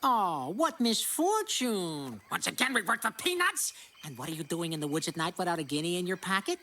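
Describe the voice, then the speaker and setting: An actor voicing a scrawny, scheming male dragon hunter in an animated film dub, wheedling and boastful. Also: medium pitch, fast, a little hiss or hum.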